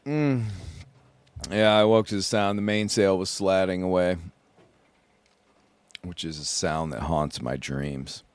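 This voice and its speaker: Tired guy rambling slow into the mic, smooth voice, dry sound, kinda groggy. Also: low-pitched, dry recording. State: sleep-deprived. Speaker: podcast host, solo sailor. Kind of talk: casual self-recorded monologue. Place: small sailboat at sea.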